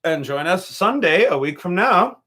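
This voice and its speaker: A man hosting a casual history podcast, his fairly high voice bright and forward. He rambles through the story with jokes and restarts. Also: very animated, normal speed. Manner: rambling and jokey, with filler and restarts. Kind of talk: casual joking history chat.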